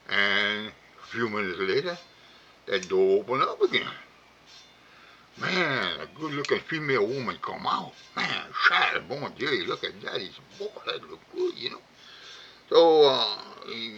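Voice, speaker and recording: A man's voice: fairly low pitch, sharp tone. A man with a Cajun accent telling folksy jokes in colloquial dialect, acting out the dialogue as he goes. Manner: colloquial dialect grammar, retells dialogue with 'he said'. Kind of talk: folksy comic storytelling. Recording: muffled lo-fi audio with faint noise.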